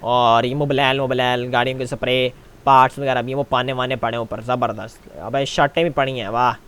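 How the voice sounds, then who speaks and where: A man streaming a role-play game, chatting casually over a headset, excitable and slangy with playful swearing. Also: mid-range voice, brisk, clear, resonant tone. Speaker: gaming streamer. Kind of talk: casual role-play banter while gaming.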